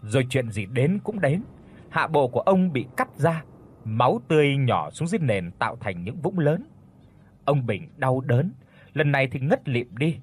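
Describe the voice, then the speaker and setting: A man narrating a horror audiobook in a dramatic, expressive storytelling voice. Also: medium pitch, moderate pace, breathy edge.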